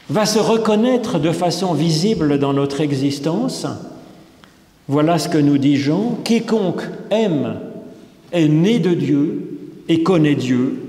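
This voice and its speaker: A man in his fifties with a Swiss French accent, preaching a measured, explanatory sermon from a pulpit microphone in a large church. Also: a little high, a little mellow. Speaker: pastor. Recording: echoey church from a distance.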